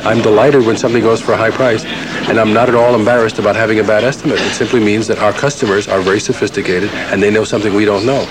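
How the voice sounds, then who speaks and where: A man's voice: fairly low pitch, steady tone, fast talker, a crowd in the background. A man speaking bluntly and emphatically in interview soundbites, as an expert from the auction trade. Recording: noisy location recording.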